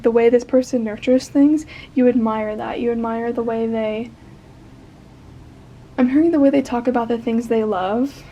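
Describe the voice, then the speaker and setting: A young woman giving a casual tarot card reading, tired and a bit croaky, chatty and rambling with fillers and soft laughs. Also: fairly high pitch, a little hiss or hum. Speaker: tarot reader.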